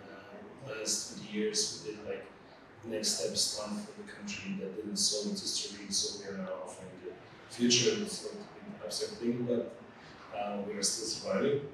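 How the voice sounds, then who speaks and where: A man in his forties from Bosnia, introducing himself on a panel in a halting way. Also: fairly low pitch, level tone. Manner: halting, filler-heavy. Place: conference stage in a hall. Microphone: handheld mic. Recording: echoey hall, distant, noisy.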